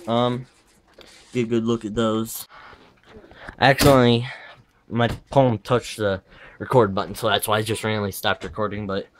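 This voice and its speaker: A little hiss or hum sits under this clip of a teenage boy touring his bedroom gaming setup on a handheld camera. His lowish voice holds a level tone at normal speed, pausing often, and his retainer gives him a slight lisp. He rambles casually, offhand and wandering, with self-correcting asides.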